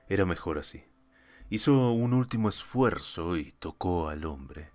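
A man reading a short story aloud as an audiobook narrator, measured and dramatic. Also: low-pitched.

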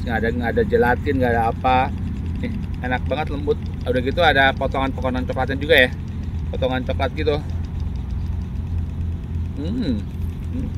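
A man's voice: mid-range voice, noisy background. A man in his thirties chatting to viewers in a casual travel vlog, filming himself at arm's length outdoors at a rest stop. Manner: chatty, addresses viewers as guys. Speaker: vlogger. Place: outdoors at a roadside rest area. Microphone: handheld camera at arm's length.

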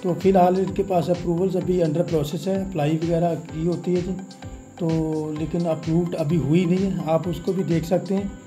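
A man walks a housing site, narrating on a phone camera. He talks in a high, deeply mellow voice, reeling off plot prices and addressing viewers again and again. Faint music plays behind him. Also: fairly even intonation, moderate pace. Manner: repetitive, reels off prices, frequent "viewers" and "ji". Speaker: property dealer giving a site tour. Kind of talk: walking property tour narration. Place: outdoors in a housing development.

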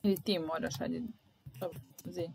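Woman teaching German slowly. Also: low voice, fairly even intonation, creaky, a little mellow, slight background noise, rough recording. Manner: slow, deliberate repetition of phrases. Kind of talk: language lesson, translating sentences aloud.

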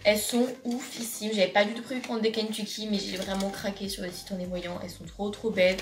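A woman's voice: medium pitch, flat delivery, fast talker, distant mic. A teenage girl from France chatting in a casual haul vlog in her bedroom, gushing and filling her talk with fillers and restarts. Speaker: vlogger. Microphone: camera across the room. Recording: roomy bedroom sound from off-mic.

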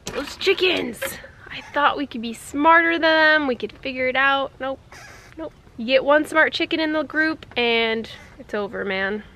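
A woman in her thirties from the United States vlogs outdoors on her backyard farm, holding the camera at arm's length with slight background noise. Her high voice is pushed and bright at a moderate pace. She's chatty and self-deprecating, laughing often at herself as things go wrong.

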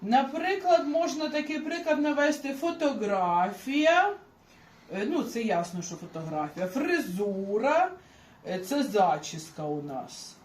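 A woman teaching a beginner language lesson, explaining slowly and patiently with examples. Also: sits high, a little mellow, echoey room.

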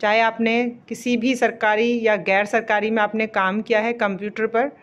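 A woman explaining a job vacancy notice in a casual walkthrough, pausing on fillers and reading official names slowly. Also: on the high side, little pitch movement, fairly bright tone, highs cut off. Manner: explanatory, repeats fillers and pauses mid-phrase; reads English names slowly, word by word.

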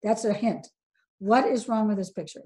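An older woman presents a sailing webinar over a video call, speaking emphatically, quizzing her audience, and often repeating key words for stress. Her voice is mellow, medium-pitched, and at normal speed.

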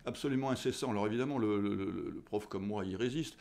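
A man in his sixties, a history teacher as a guest, answering at a measured pace with frequent fillers and restarts, recorded on a desk studio microphone in an office. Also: on the low side, vocal fry, darkish tone. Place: indoor office with tall window.

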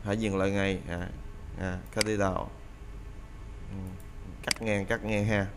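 A man with a fairly low voice talks through English phrasal verbs in a relaxed, casual lesson. He reads the English examples out and repeats them several times as he explains in Vietnamese. A faint background hum sits under his voice. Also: measured pace. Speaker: English teacher.

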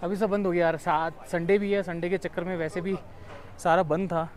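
A young male travel vlogger chats casually while walking outdoors through a busy town market, recorded on a clip-on mic. His voice is high-pitched, with a level tone and normal speed, and he mixes English words into his chatty talk.

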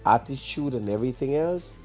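A man's voice: mid-range voice, lively intonation, brisk, loud music behind the voice. A middle-aged man with a Guyanese accent, bluntly hosting a casual podcast chat. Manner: blunt, profane, opinionated. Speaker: podcast host. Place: small studio lounge, on a leather couch. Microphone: boom mic on a stand.

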